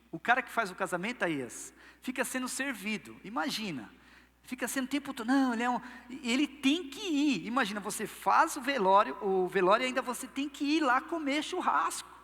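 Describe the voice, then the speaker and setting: Man, Brazilian accent, pastor preaching, high bright voice, long church reverb. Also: sing-song, normal speed. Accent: Brazilian Portuguese. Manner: playful storytelling, acts out quotes. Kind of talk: sermon. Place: church service.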